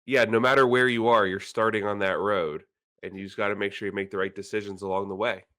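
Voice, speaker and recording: Easygoing lower-voiced financial planner host. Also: male voice, flat delivery, fast, a bit bright. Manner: easygoing, self-deprecating humor. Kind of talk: casual podcast chat.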